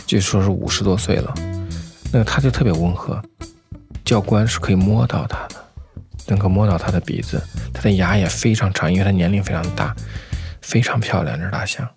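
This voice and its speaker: A man telling first-person stories in an unscripted interview, conversational and halting, often repeating phrases. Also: deep voice, gravelly, music in the background. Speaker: anti-poaching patroller, interview guest.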